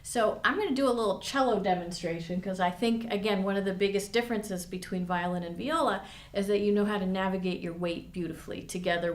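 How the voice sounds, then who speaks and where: A woman teaching viola technique to students in a studio, explaining with vivid images and encouraging tone. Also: mid-range voice. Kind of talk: instructional lesson with demonstration. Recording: echoey room.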